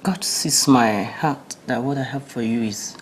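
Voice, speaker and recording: A man's voice: sits high, sing-song, a little slow, darkish tone, slight background noise, poor audio. An actor playing a hypocritical young churchman who stammers and talks his way around things. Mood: tender, coaxing. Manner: stammering, evasive, persuasive. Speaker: actor in a gospel film. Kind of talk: film drama acting. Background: background film music.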